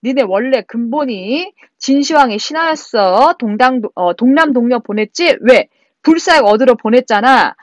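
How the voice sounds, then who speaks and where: A man's voice: extremely high pitch, lively intonation, moderate pace, no echo, dull audio. A woman voicing a stern male monk general who bluntly scolds a defeated enemy king, in casual speech inside a lecture. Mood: stern scolding.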